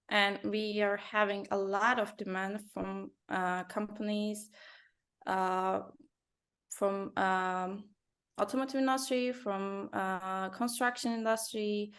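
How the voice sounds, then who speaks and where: A woman from Turkey, a company founder and designer, answering interview questions in careful English with many pauses and fillers. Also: medium pitch, a bit bright, smooth. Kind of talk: business interview.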